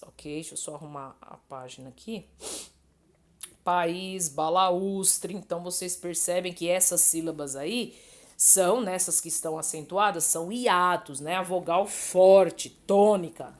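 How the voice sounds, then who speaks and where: A woman with a Brazilian Portuguese accent teaching grammar online, explaining patiently and peppering her talk with little check-in words. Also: medium pitch. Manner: didactic, many fillers like "né" and "ó".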